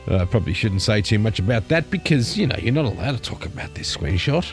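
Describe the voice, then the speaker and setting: A man with a fairly low voice presents casual commentary as the host of his own bulletin. He talks informally, wandering from point to point with a sardonic edge. Music plays behind his voice. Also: sing-song, fast talker. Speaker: host of a satirical news commentary channel. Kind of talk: casual commentary on memes and screenshots.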